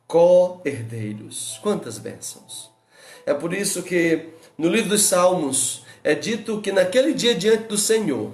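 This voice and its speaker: Slow, echoey Brazilian preacher man. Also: fairly high pitch. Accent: Brazilian Portuguese. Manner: earnest preaching, rhetorical questions and repeated exhortations. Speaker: pastor. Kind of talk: expository Bible study sermon.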